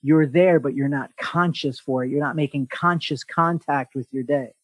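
A man hosting a podcast, giving an energetic motivational talk and often restarting his sentences. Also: a little high, normal speed, husky, no echo, poor audio. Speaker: podcast host.

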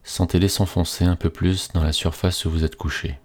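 A man reading a scripted guided relaxation in a slow, soothing, hypnotist-like manner with repetitive phrasing. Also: low voice, flat delivery, a little mellow.

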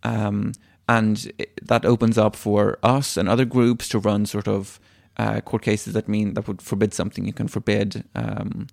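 A man giving explanatory answers as an interview guest, measured and often hesitating as he thinks. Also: lowish voice, little pitch movement, vocal fry, a little mellow, no echo, studio quality. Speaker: interview guest, environmental legal activist.

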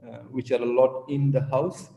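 Mellow-voiced man in an echoey room. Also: medium pitch, flat delivery, moderate pace, creaky. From India. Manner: hesitant, many fillers and restarts. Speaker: podcast guest. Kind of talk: conversational interview. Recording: echoey room with long reverb.

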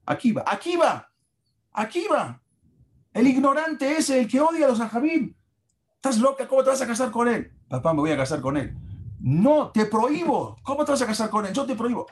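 A man's voice: mid-range voice, lively intonation, a little slow, a little mellow. A man voicing a wealthy older father who angrily forbids his daughter's marriage and disowns her, in a commanding, indignant manner. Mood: outraged.

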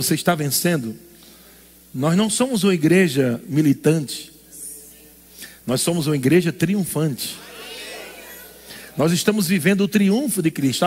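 A man's voice: high-pitched, long reverb tail. A male pastor preaching a sermon in an emphatic call-and-response style.

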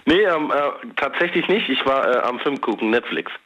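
A young man from Germany calling into a radio show over a home phone line, speaking in a halting, hesitant way. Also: medium pitch, lively intonation, a bit bright. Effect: heard over a home phone line. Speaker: radio caller.

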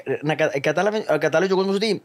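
A middle-aged man with a Cypriot Greek accent talking as a podcast guest in casual chat, animated and restless. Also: a little high. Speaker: guest, club official.

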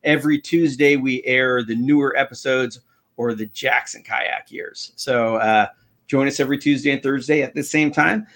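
A man's voice: mid-range voice, fairly even intonation, normal speed, fairly bright tone. A man with an American accent chatting casually as host of a livestream about fishing.

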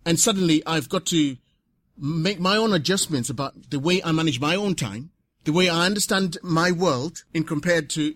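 A man speaking at a conference, short of breath, earnest and reflective, pausing to correct himself. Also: on the high side, fairly bright tone, no room sound. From Zimbabwe. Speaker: conference speaker, patient advocate. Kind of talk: conference speech. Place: conference hall.

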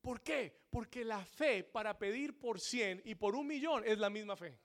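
High-voiced preacher who builds to shouts. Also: male voice, lively intonation. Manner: preaching that swells to shouts, then drops low and slow; repeats each point in English. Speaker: pastor. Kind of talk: bilingual sermon. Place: church sanctuary.

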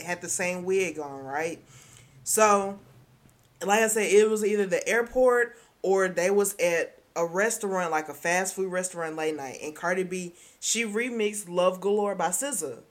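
A woman hosting a podcast in casual gossip chat, excitable and rambling, swinging from loud bursts to hushed asides. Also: fairly low pitch. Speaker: podcast host.

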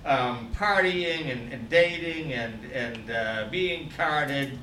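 A man's voice: medium pitch, takes it slowly, pushed and bright, reverberant, far from the mic, slight background noise, low-quality recording. A man co-hosting a casual chat show, joking and using many fillers. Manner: chatty, jokey, many fillers. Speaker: podcast co-host.

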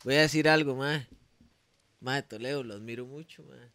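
A man's voice: medium pitch, moderate pace, crowd noise. A man with a Costa Rican accent in a casual podcast chat, joking and restarting his sentences.

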